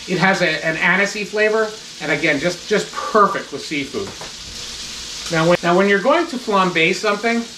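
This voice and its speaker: Man chef, higher-pitched voice, calm instructive demo, a bit away from the mic in a roomy kitchen. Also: background noise. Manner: instructive, relaxed, with restarts. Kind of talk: cooking demonstration. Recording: echoey kitchen, mic at a distance. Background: sizzling pan sounds.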